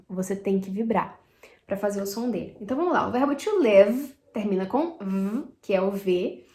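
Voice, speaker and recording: A woman from Brazil walks her students through English sounds in a mid-pitched voice, repeating each one patiently and checking in with them often. The room around her has a noticeable echo. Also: a little mellow. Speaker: English teacher. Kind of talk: pronunciation lesson. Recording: echoey room.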